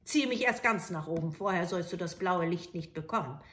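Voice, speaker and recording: A woman's voice: lowish voice, expressive, fairly quick, a bit bright, pitched below the performer's own voice. A woman voicing a young soldier who is wary and wry in a storybook reading. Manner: wry, distrustful.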